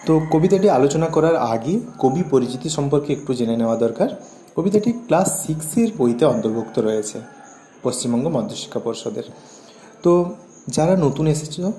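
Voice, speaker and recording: Man, teacher, explaining a poem line by line, mellow voice, echoey room. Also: medium pitch, animated, brisk, a little hiss or hum. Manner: asks and answers his own questions.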